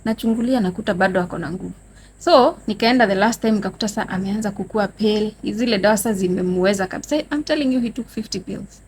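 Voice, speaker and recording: A woman's voice: mid-range voice, fast talker, slight background noise. A young Kenyan woman with a Kenyan accent, telling a dramatic personal story to her viewers in a casual vlog. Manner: animated, dramatic storytelling addressing viewers as guys. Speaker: vlogger. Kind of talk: storytime vlog, mixing Swahili and English.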